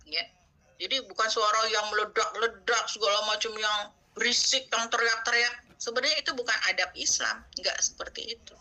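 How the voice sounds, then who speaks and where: A middle-aged woman leads a religious study session in an easy, conversational way. She is from Indonesia. Her voice is sharp and ringing, a little high, and she drops in homely asides and soft laughs. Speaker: Quran study teacher. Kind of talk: casual religious study talk.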